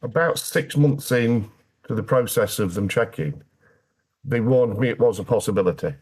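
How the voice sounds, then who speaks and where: A man's voice: medium pitch, lively intonation, moderate pace, a little mellow, slightly rough. A British man speaking as an interview guest, telling his personal story candidly in a plain-spoken way with dry, wry humour.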